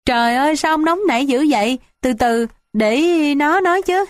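A woman's voice: expressive, brisk, darkish tone, dry recording, studio quality, natural voice. A woman voicing a scolding, dramatic old village matriarch in an audiobook. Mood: wailing. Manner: shrill, complaining, wailing.

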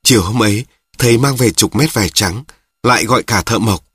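A man narrating a first-person story in a plain, measured, somber way. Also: on the low side, fairly bright tone, husky, dry recording, studio quality.

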